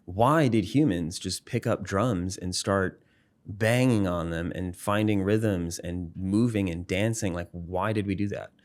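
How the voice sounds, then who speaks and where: A man, a psychology professor and musician, explaining ideas in a relaxed interview, thoughtful, with frequent fillers and restarts. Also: sits low, measured pace. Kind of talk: casual explanatory interview talk.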